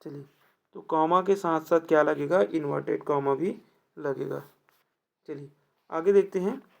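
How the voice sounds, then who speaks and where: A teacher walking students through exam questions, voice sitting at an ordinary middle pitch. The delivery is built around rhetorical check-in questions, and each answer is repeated so it sticks. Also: unhurried, gravelly, darkish tone. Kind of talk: explaining test questions to students.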